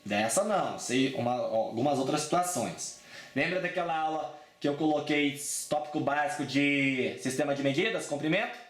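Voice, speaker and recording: A Brazilian man with a fairly high voice gives a relaxed, slangy math lesson for exam prep. He keeps checking in with his students as he goes. The room around him sounds echoey. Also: moderate pace. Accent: Brazilian Portuguese. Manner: chatty and informal, with frequent check-ins and slang. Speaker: math teacher.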